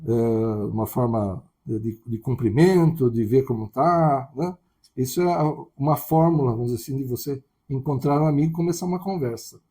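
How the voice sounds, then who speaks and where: A man's voice: mid-range voice, normal speed, dark tone, husky. A man with a Brazilian Portuguese accent preaching a sermon in a conversational way, often checking in with tag questions.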